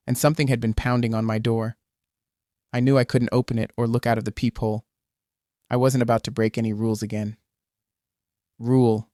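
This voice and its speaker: A man telling a first-person horror story in steady, tense scripted narration. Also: mid-range voice, clean tone, dry recording, studio quality.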